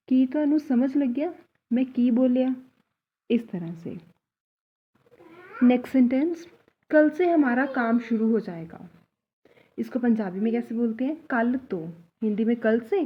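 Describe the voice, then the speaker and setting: A woman giving a casual language lesson, saying example sentences slowly and deliberately before explaining them. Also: fairly high pitch, breathy edge, phone-quality sound. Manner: slow, deliberate when modeling example sentences. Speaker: language teacher.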